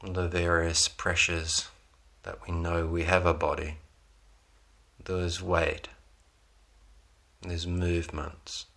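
A man with a deep voice guides a relaxation meditation. His delivery is even and low, with little melodic movement. He offers soothing instructions in short, unhurried phrases, leaving room between them. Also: gravelly.

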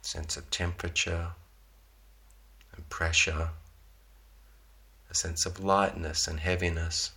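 A man leads a yoga practice in a soft, unhurried way, leaving long pauses between phrases. His voice sits very low and stays flat and even, with a bright, clear edge to the tone. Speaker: yoga teacher. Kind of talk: guided yoga relaxation.

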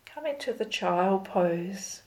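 A woman leading a yoga class as instructor, giving calm, gentle, step-by-step cues in an unhurried way. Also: mid-range voice, rough recording. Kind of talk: slow guided yoga instruction.

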